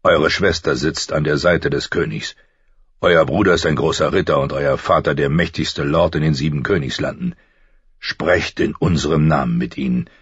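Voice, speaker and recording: A man voicing a stern, weary old military commander with a deep, gravelly voice. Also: moderate pace, no echo, dull audio, heavily acted.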